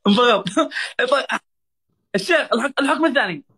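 A young man bantering on a livestream from a phone in a room. His voice is high and fast, with an excitable, pleading way of talking. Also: slightly rough. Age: young adult. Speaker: livestream prankster. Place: small indoor room.

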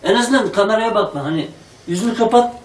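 A man with a fairly high voice directs his friends in a bossy, instructing way. He sounds distant from the camera, in an echoey room with noise all through the recording. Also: lively intonation, fast. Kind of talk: directing friends on an amateur film set.

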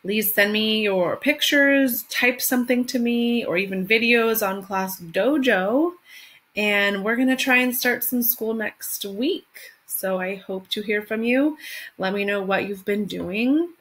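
Speaking slightly high and a bit bright, this woman keeps a measured pace as she addresses children simply and expressively, picture-book style. She is an elementary school teacher in her thirties. A home webcam picked her up in a small room at home, faint noise included.

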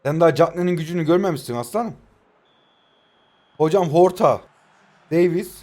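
A man in his twenties from Turkey giving excitable live commentary over his own mobile football match, shouting player names and swearing playfully at the game. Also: a little high, moderate pace. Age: 20s. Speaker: mobile football gaming YouTuber.

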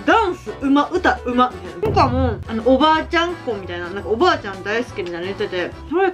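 A young woman with a Kansai accent, chatting casually and giggling as she eats at the table for her vlog. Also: high-pitched. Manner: chatty and giggly, self-deprecating. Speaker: vlogger. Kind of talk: casual chat while eating. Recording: background music under the voice.

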